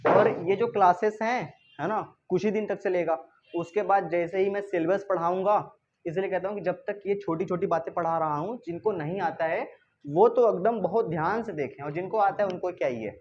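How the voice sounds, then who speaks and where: A male teacher running a reading drill for his class, quizzing them with repeated call-and-response questions and coaxing and teasing them to answer louder. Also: high voice, normal speed, a little hiss or hum. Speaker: English teacher. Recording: slightly dull lo-fi recording.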